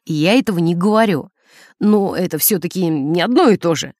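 A woman's voice: lowish voice, expressive, moderate pace, a little mellow, dry recording, studio quality, natural voice. A woman voicing a flustered village priest who stammers in fear and blusters with outrage, as in an audiobook. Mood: outraged. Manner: stammering, frightened, then blustering. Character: flustered village priest, man, easily alarmed. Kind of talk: audiobook character voice.

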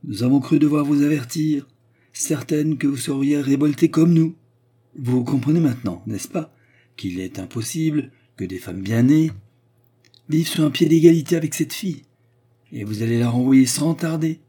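A man's voice: on the high side, normal speed, dark tone, husky, pitched above the performer's own voice. A man voicing a haughty, sanctimonious aristocratic lady who talks with indignant emphasis. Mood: insistent.

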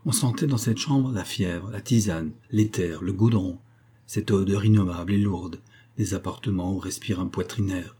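Husky, dark-voiced male narrator. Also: low voice, moderate pace. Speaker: audiobook narrator. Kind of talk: scripted narration.

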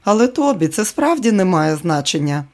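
A male audiobook reader voicing an affectionate, coaxing wife in a soft, raised voice. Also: high voice, sing-song, normal speed. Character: affectionate younger wife, woman, attentive. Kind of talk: audiobook character reading.

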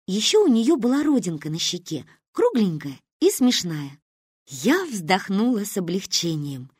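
A woman narrating a humorous story with lively, expressive delivery. Her pitch moves widely through every sentence, and the recording is close and dry with no room echo. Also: husky. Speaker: audiobook narrator.

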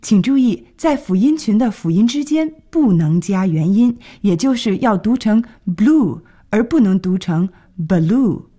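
A woman presenting a scripted radio language lesson, clearly explaining and translating each phrase. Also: medium pitch, expressive, moderate pace, few pauses, mellow. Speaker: radio English teacher.

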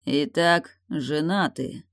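Brief: woman reading stern older lord, slow and icy, storybook. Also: low voice, fairly even intonation, no room sound, clean studio sound. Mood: cold. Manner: cold, clipped, measured. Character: stern middle-aged male marquis, cold and curt.

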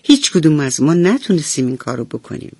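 A woman's voice: low-pitched, very animated, creaky, a little mellow, slightly rough, no room sound, heavily acted. A woman voicing an eager, helpful screwdriver who talks in a cheerful, coaxing way in a radio bedtime story.

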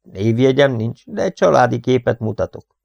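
Egy férfi, aki egy magabiztos, gúnyos fiatal pisztolyhőst szólaltat meg egy hangoskönyvben, lazán, fölényesen. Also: male voice, mid-range voice, expressive, vocal fry, darkish tone, no room sound, lo-fi sound. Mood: cool. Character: cocky, cool young man, gunslinger.

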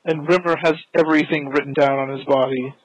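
Man host, slightly high voice, dry close sound, easygoing. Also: steady tone, fast, no echo, dull audio. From United States. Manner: easygoing, laughs at his own jokes. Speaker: podcast host. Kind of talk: casual chat watching a show.

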